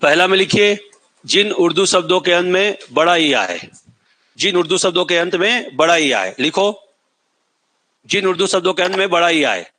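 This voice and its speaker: Male coaching teacher, middle-aged, high and bright voice, dictating and repeating terms, quizzing the class. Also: animated, normal speed. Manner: repeats key words, asks students if they remember; sings a film line as an example. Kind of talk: classroom lecture, dictating notes.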